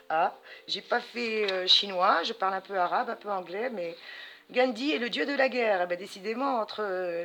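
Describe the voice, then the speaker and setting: A woman's voice: mid-range voice, a bit bright. A woman hosting a card-reading channel, giving spiritual guidance to viewers in a chatty, affectionate way, calling them sweet pet names. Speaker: astrology and tarot channel host. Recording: music playing behind voice.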